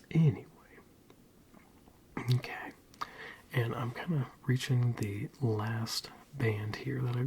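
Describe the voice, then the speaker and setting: A man giving a soft-spoken ASMR ramble in a breathy, mostly whispered voice, soothing and hesitant. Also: medium pitch, slight background noise. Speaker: ASMR video creator.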